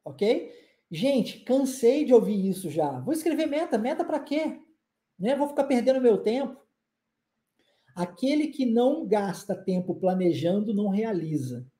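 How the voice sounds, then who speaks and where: A woman with a Brazilian Portuguese accent teaching English in a live online lesson. She keeps checking in with the listener, and she says the English model sentences slowly and deliberately. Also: mid-range voice, reverberant. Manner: lively, coaxing, with frequent check-ins to the listener.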